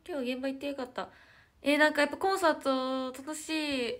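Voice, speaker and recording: A woman's voice: sits high, quick pace, fairly bright tone. A young woman with a lilt, chatting casually to viewers on a phone livestream, searching for words and dropping into whispered asides. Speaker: idol live streamer. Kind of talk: casual live-stream chat.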